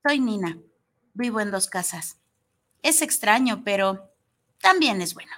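A woman reading a storybook aloud as a little girl, in a soft, gentle storytelling voice. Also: medium pitch, lively intonation, unhurried. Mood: wistful. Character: little girl Nina, sad but gentle child.

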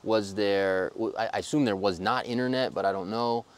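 A man's voice: fairly low pitch, moderate pace. A man hosting a casual, conversational interview. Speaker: interviewer, host.

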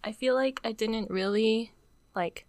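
On the verge of tears, this young woman co-hosts a podcast in casual, emotional conversation, saying "like" again and again. Her voice sits on the high side with a darkish tone, she talks a little slowly, and there's no echo.

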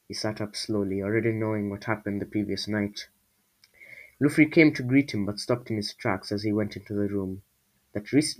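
A man reading his own storybook aloud, breaking off into rambling, self-mocking asides. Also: on the low side.

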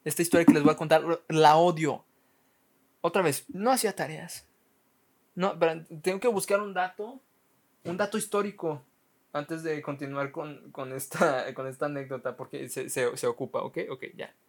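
A man's voice: a little high, moderate pace. A young man with a Mexican accent telling comic childhood stories on his podcast, swearing freely and often stumbling over repeated words. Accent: Mexican Spanish. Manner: profane, self-mocking, stumbling repeats. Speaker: podcast host. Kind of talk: casual comic storytelling.

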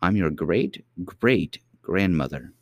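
Man doing a gentle ancient queen. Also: deep voice, slow pace, dry recording, clean studio sound, full character voice. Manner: gentle, calm, patient. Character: kindly ancient queen grandmother.

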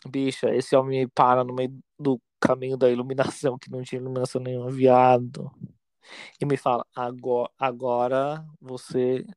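A man's voice: medium pitch, monotone, a little fast, a little mellow, dry recording. A Brazilian man from São Paulo state with a Brazilian accent. He tells an anecdote in a casual chat, campy and dramatic, full of slang asides. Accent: Brazilian Portuguese. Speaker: podcast storyteller.

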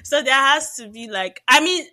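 A woman co-hosting a podcast, bantering and laughing often. Her voice is bright and fairly high, and her pitch moves a lot. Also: animated, moderate pace. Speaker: podcast co-host. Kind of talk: casual chat.

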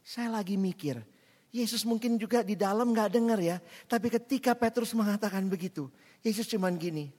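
A man preaching a sermon in an animated way, acting out quoted dialogue and swinging between loud and soft passages. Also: high-pitched, fairly quick. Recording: long hall reverb.

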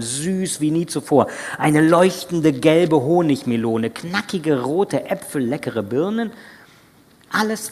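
A man preaching a sermon as a retold story, dramatic, now and then dropping to a whisper. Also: medium pitch. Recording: breathy voice in a long church reverb.

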